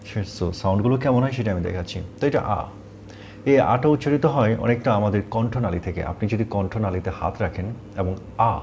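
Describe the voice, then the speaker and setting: Patient low-voiced man teaching pronunciation. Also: gravelly, warm tone, highs cut off, slight background noise. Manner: patient, repeats points, models English words aloud. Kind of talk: explanatory lesson.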